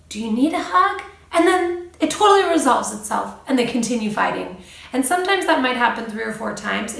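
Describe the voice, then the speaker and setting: A woman's voice: medium pitch, gravelly, recorded from a distance. A young woman and mom, giving parenting advice in a casual vlog, chatty, laughing often and livening up when she quotes her kids. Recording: echoey room, voice off-mic.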